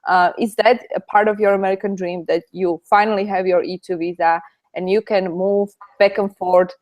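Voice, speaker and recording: A woman's voice: mid-range voice, level tone, moderate pace, darkish tone. Talkative Slovak woman interviewer. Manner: talkative, leading questions with many likes. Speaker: interview host. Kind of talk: casual interview.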